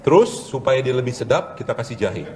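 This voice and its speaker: A man, a doctor, giving a casual health lecture with a live demonstration, animated and joking, asking rhetorical questions and answering them himself. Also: medium pitch, fairly quick, background noise. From Indonesia. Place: event hall with audience.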